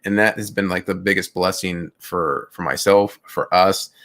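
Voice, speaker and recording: A middle-aged man with a fairly low voice, co-hosting a spiritual self-help show. He talks earnestly and reflectively in a casual chat, often restarting his sentences. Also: fairly even intonation, moderate pace, a bit bright. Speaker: podcast co-host.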